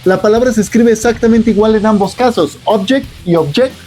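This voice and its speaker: A man's voice: high-pitched, a little fast, darkish tone, faint music behind. A man with a Mexican accent, teaching an English lesson in a casual, joking, slangy tone. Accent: Mexican Spanish.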